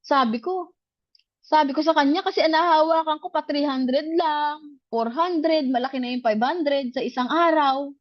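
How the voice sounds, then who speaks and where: A woman's voice: high-pitched, moderate pace, dry recording, lo-fi sound. A woman telling a personal story in casual testimony, animatedly acting out the dialogue she recalls. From grew up in the provinces. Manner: animated, acts out quoted dialogue. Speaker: speaker sharing a personal testimony.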